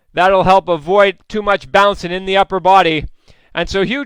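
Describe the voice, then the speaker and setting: A man's voice: high-pitched, fairly bright tone, clear, resonant tone, dry recording, rough recording. A man coaching a live indoor cycling workout, explaining efforts and encouraging riders by name in an upbeat, instructive way.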